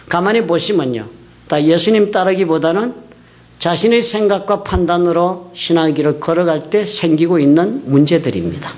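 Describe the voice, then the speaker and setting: A middle-aged male pastor preaching a sermon, telling a personal story and acting out the people in it. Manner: lively preaching, acting out quoted shouting with rising pitch.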